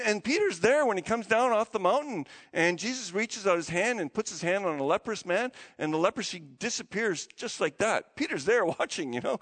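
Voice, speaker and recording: A man, a pastor giving a sermon in a chatty, storytelling way. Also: sits high. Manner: conversational, animated storytelling. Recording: long church hall reverb.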